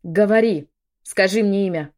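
A woman's voice: mid-range voice, fairly even intonation, moderate pace, warm tone, natural voice. A woman voicing an anguished young noblewoman. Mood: pained, furious. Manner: cries out in pain and anger. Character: young noblewoman in labor, poisoned, furious.

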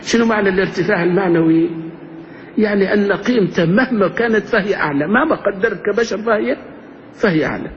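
A man lectures on grammar in a high, bright-toned voice, checking often with his students. The recording is muffled and lo-fi, with a faint hiss of noise behind him. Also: fast talker. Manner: engaging, asks the class questions. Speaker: sheikh teaching Arabic grammar. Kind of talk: classroom lecture.

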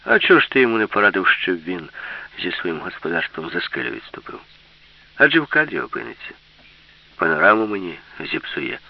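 A man's voice: fairly low pitch, big pitch swings, creaky, full character voice. A man playing a bossy film director. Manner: commanding, brisk. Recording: dull lo-fi recording.

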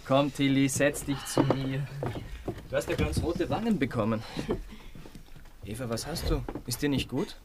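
An actor playing a gentle, tired young man in love in a radio drama, speaking softly and tenderly. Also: mid-range voice, a little slow, pauses often, very noisy, lightly acted. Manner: soft, tender, apologetic. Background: dance music from a gramophone.

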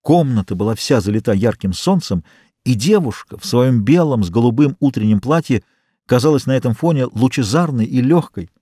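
A man narrates a classic novel in a measured, even way. His voice is dark and mellow, recorded dry and close with no room echo. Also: mid-range voice, slightly rough. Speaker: audiobook narrator. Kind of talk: scripted literary narration.

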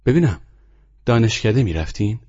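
A man's voice: on the low side, expressive, darkish tone, breathy edge, highs cut off, pitched above the performer's own voice. Man putting on a curious teenage girl. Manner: persistent, questioning. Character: inquisitive polite teenage girl.

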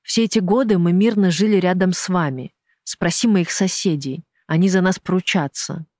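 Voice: mid-range voice, normal speed, a little mellow, no echo, clean studio sound, natural voice. A reader doing a desperate, pleading father. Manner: begging, desperate. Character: terrified pleading middle-aged family man. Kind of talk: audiobook character voice.

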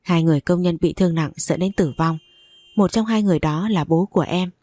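Female storyteller, low and dark, dry close sound, steady first-person reading. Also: brisk, dry recording. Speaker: story narrator.

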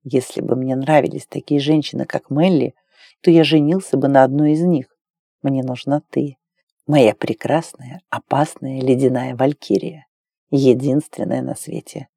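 A woman voicing a confident, teasing adult man in an audiobook, speaking low and hushed. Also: moderate pace, vocal fry, husky, no room sound, studio quality, exaggerated voice. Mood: tender. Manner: low, hushed, intimate delivery.

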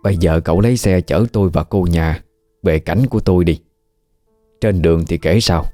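Give me a steady, reassuring old exorcist with a deep voice, read by a man. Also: moderate pace, no room sound, soft background music, lightly acted. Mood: calm. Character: old male exorcist, calm, firm.

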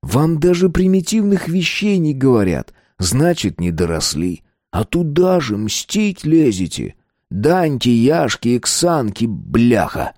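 A man voicing a teenage boy who talks tough and slow, bluffing a street gang. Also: mid-range voice, big pitch swings, dark tone, no echo, clean studio sound, pitched above the performer's own voice. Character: cocky teen boy bluffing gang members.

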